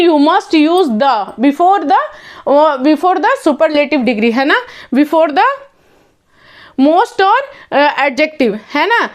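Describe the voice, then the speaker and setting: A woman teaching English grammar in a classroom style, switching between Hindi and English with an Indian accent, asking her students questions and stretching out her English phrases. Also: extremely high pitch. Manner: slow, drawn-out English phrases, quicker Hindi explanations.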